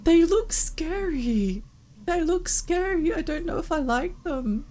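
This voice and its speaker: Over game music, a female game streamer chats live, casual and expressive, in a very high-pitched, animated voice that moves slowly and carries a dark tone. She is worn out, and her voice cracks from having lost it.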